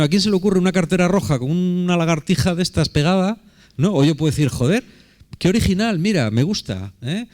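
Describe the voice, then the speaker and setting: Emphatic preacher, conversational. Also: male voice, on the high side, darkish tone. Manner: conversational, emphatic, asks rhetorical questions. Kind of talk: sermon.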